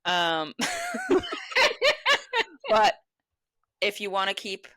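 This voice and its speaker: Slow-talking woman with a bright tone. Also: mid-range voice, wildly swooping pitch, dry recording. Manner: wry, unhurried, swears casually. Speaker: podcast co-host. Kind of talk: casual chat.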